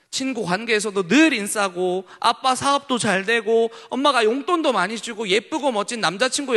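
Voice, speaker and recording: A man in his thirties, a youth pastor, preaching an animated sermon to teenagers and asking them questions. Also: high-pitched. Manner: animated, asks the room questions. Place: church hall. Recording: long hall reverb.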